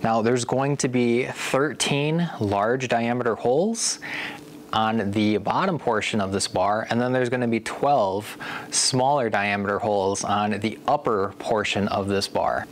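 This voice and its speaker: A man in his thirties from the USA, relaxed and chatty, reviewing home gym equipment to camera and calling his viewers guys. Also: on the low side, measured pace, a little hiss or hum. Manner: relaxed and conversational, keeps addressing viewers as guys. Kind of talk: casual product review to camera.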